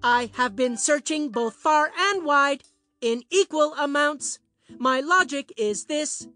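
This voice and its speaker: A woman's voice: high-pitched, slow, sharp tone, soft background music, heavily acted. A woman voicing a robot prince in a children's story, stiff and literal, with the stilted delivery of an old speech synthesizer. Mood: logical, determined.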